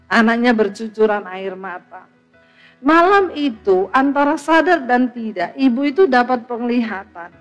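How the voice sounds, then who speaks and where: A woman pastor preaching a sermon, telling a story with emotion and dramatic pauses. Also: fairly high pitch, expressive, faint music behind.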